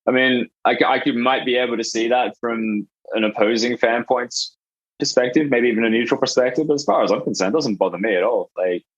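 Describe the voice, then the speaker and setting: A man's voice: mid-range voice, a little fast, breathy edge, dry recording, dull audio. A man on a casual sports podcast panel, talking hesitantly and restarting his sentences.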